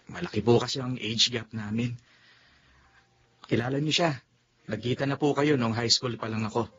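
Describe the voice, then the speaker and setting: This muffled radio-play recording carries faint noise and features a male actor as a sincere young man speaking respectfully to his father. His medium-pitched voice stays steady at a moderate pace, fairly bright and slightly rough, and he sounds polite and sincere.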